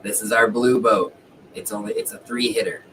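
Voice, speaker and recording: A man's voice: on the low side, fairly even intonation, normal speed, pushed and bright, far from the mic, low-quality recording. A man hosting a casual livestream in a rambling, self-correcting way, with the hiccups. He sits a bit back from the mic. Faint noise hums underneath. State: has the hiccups. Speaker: livestream host.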